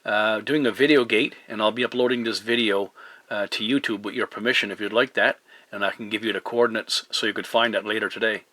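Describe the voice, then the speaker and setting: This CB radio operator and video maker from Newfoundland, Canada, has a lowish, bright, forceful voice and talks fairly quickly with a steady tone. Polite but hesitant, he keeps to radio protocol and spells in the phonetic alphabet during a casual contact chat. A camera aimed at the radio captures him indoors at his home desk.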